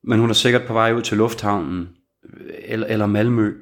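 A man's voice: lowish voice, fairly even intonation, natural voice. A man as a blunt, protective workshop boss. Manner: blunt, firm. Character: loyal, protective middle-aged male workshop boss.

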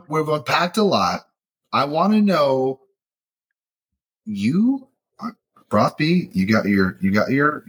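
A man's voice: mid-range voice, breathy edge. A man co-hosting a podcast in casual chat, telling work stories and acting out the dialogue. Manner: animated storyteller, acts out quoted dialogue. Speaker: podcast co-host.

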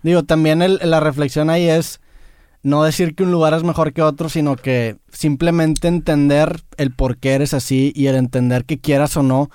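A man's voice: a little high, steady tone, normal speed, a little mellow, clean tone, no room sound, studio quality. A young man with a Monterrey accent, co-hosting a casual podcast chat, reflective and rambling, saying "güey" a lot. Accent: Monterrey Spanish. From Monterrey, Mexico. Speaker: podcast co-host.

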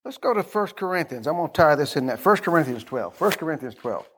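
High-pitched American man preaching informally. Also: sing-song, fast talker, a bit bright, a little hiss or hum. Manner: folksy, conversational, repeats phrases and prompts listeners for response. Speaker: pastor preaching to a congregation. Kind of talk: informal sermon.

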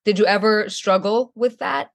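A woman's voice: medium pitch, moderate pace, vocal fry. A woman co-hosting a podcast, reading a scripted introduction and asking questions in a casual way. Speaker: podcast co-host.

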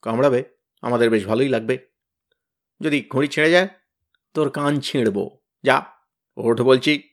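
Storybook figure: a bossy, bullying teen leader with loud commands, read by a man. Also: mid-range voice, normal speed, natural voice. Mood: bossy scolding. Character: bossy blustering teenage boy gang leader.

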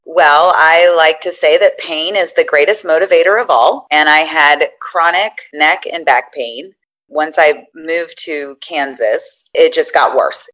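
Very low-voiced chatty woman in her forties. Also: measured pace, fairly bright tone, low-quality recording. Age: 40s. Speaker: podcast guest. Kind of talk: conversational interview.

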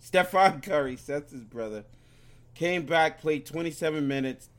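A man's voice: fairly high pitch, moderate pace. A man co-hosting a casual sports podcast, rambling and stumbling over words while drifting on and off the mic. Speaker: podcast co-host. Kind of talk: casual sports picks chat.

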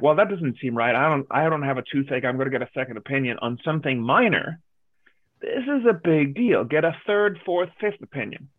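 A man's voice: medium pitch, dry recording. A man from Denmark, a guest business advisor, answering interview questions in a direct, emphatic way over a video call. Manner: direct, emphatic, lists points. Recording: tinny phone-like line.

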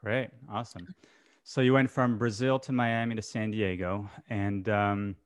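A man hosting a podcast interview, asking friendly, unhurried questions with some fillers. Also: on the low side, flat delivery, clean tone, no echo, studio quality. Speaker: podcast host.

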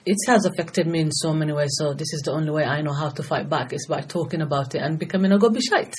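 With a low voice and a quick pace, this middle-aged Somali woman speaks as an anti-FGM campaigner guesting on a podcast, giving personal testimony over slight background noise. Her delivery is earnest, passionate and talkative, marked by frequent restarts.

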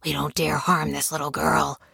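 A woman voicing the male leader of a band of winged monkeys, speaking in a hushed, serious way. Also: low voice, little pitch movement, moderate pace, vocal fry, slightly rough, dry recording, studio quality, pitched below the performer's own voice, exaggerated voice.

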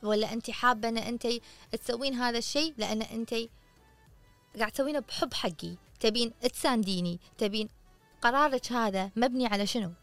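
A woman's voice: fairly high pitch, no echo. A woman hosting a podcast, giving earnest, coaching advice in a casual way and putting questions to her listeners. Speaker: podcast host.

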